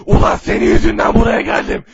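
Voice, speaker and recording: A man voicing a furious, crudely swearing man caught in nets, for a comedic fan dub, shouting constantly. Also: fast, no room sound, dull audio, close to an everyday voice. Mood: raging. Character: furious foul-mouthed man trapped in nets.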